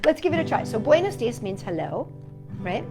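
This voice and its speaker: Over loud music, a woman speaks in a fairly high, sing-song, brisk voice. A native English speaker, she hosts a chatty, playful storytime for young children and often asks her listeners little questions, using tag questions with her companion and the young viewers.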